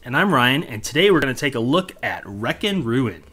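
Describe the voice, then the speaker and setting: A man co-hosting a board game preview, explaining the rules in a steady, plain way. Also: medium pitch, fairly quick, noisy background. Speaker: game reviewer co-host.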